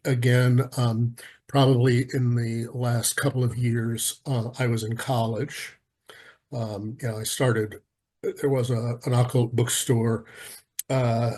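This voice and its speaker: Husky older man, hesitant. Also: mid-range voice, darkish tone. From United States. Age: 60s. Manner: hesitant, many ums and restarts. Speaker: guest. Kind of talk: casual interview answers.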